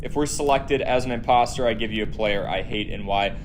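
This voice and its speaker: Over music, a man with a medium-pitched, fairly quick voice hosts a laid-back gaming stream and replies to viewers' comments. He uses no headphones, letting audio play through the device, and his room has an echoey sound.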